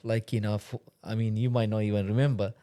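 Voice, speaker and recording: Mellow-voiced male co-host, halting. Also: lowish voice, level tone. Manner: halting, stumbling follow-up questions. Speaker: podcast co-host. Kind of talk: interview questions.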